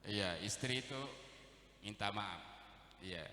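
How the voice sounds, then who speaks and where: Bright-voiced man preaching in an echoey hall. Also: lowish voice, slow pace. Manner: teasing, chatty, quizzes the audience. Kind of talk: humorous sermon.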